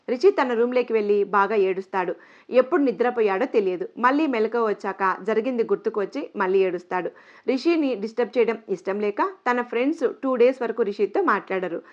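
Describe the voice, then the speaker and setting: Woman telling a story, lo-fi sound. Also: medium pitch. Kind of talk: read-aloud story narration. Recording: dull lo-fi sound.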